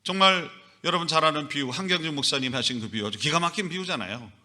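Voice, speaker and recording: Forceful bright-voiced male preacher. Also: fairly high pitch, expressive, fast talker. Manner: emphatic preaching with sudden loud rises and acted scolding. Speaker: pastor. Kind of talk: Sunday sermon.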